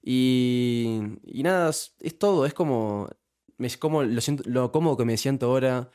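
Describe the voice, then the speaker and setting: In a casual podcast interview, a young Uruguayan YouTuber guest talks at normal speed with a mid-range, slightly mellow voice that sounds clear and resonant. He has a Uruguayan Spanish accent and leans on fillers and frequent restarts.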